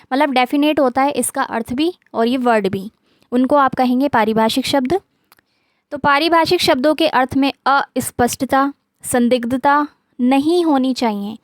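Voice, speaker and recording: A woman teaches an online exam-prep class, her voice set high and recorded dry and close. She reads terms and their meanings in turn, stopping often to check that the class is following. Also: dry recording. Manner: reads terms aloud, mixes English words into Hindi; often says "theek hai".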